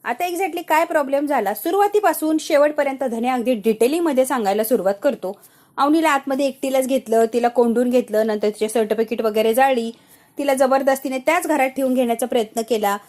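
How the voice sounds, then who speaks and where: High-voiced woman recapping a TV serial. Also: fast. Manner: animated storytelling that acts out the characters' lines. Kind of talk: casual retelling of a TV episode.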